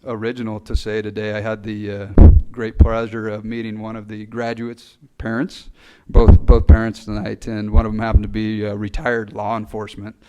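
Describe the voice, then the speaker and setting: A man speaking at a fire recruit graduation ceremony, earnest and a little halting, with fillers. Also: on the low side, monotone, mellow, clear, resonant tone, rough recording. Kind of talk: ceremony speech. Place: ceremony hall. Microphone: podium mic.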